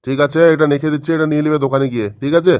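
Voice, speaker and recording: A man's voice: a little high, flat delivery, racing, darkish tone, smooth, no room sound, natural voice. A man voicing a brusque quack doctor in a cartoon, curt, grumbling and dismissive. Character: brusque middle-aged quack ayurvedic doctor. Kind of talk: cartoon voice acting.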